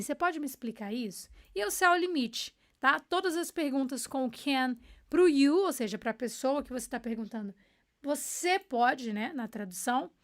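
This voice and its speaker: A woman teaching English in Portuguese, explaining patiently and repeating example phrases slowly and clearly, checking in often with her viewers. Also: high voice. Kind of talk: online English lesson in Portuguese.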